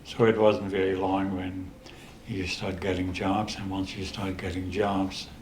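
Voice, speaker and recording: In a casual interview, an older man from the Netherlands in his eighties, with a Dutch accent, slowly recounts memories, stopping and restarting a lot. His very low voice remains flat and even. The echoey room has faint ambience, along with a little hiss or hum.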